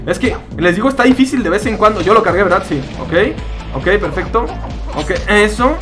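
A young man with a Mexican accent giving excitable, jokey commentary while he plays a fighting game. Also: sits high, a little fast, music in the background. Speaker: gaming YouTuber. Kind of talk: gameplay commentary.

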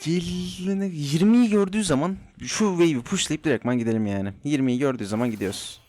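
A man's voice: on the high side, fairly quick, darkish tone, no room sound. A young man giving casual commentary while playing a game, chatty and teasing his opponents, talking to himself at times. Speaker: gaming YouTuber. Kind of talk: live gameplay commentary.

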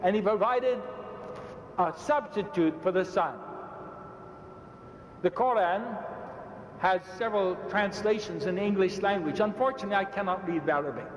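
With a high-pitched voice, a moderate pace, and long pauses, an older Irish bishop debates publicly before a large audience in an indoor arena. He preaches forcefully, stacking repeated phrases and gesturing as he roams from the podium microphone, leaving a long, echoing reverb and a little background noise.

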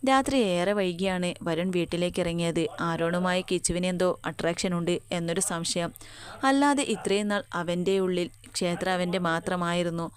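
A woman narrating a romance story aloud in a steady, measured reading voice. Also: lowish voice.

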